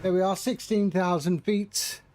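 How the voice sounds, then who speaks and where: A man's voice: high voice, steady tone, measured pace, a little mellow, slight background noise. A man giving casual, chatty live commentary as a flight sim streamer. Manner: chatty, greets viewers while narrating flying.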